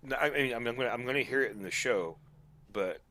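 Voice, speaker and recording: A man's voice: medium pitch, lively intonation, fast talker, a loud crowd. A man co-hosting a casual gaming podcast, breaking in with wry, joking remarks. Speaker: podcast co-host.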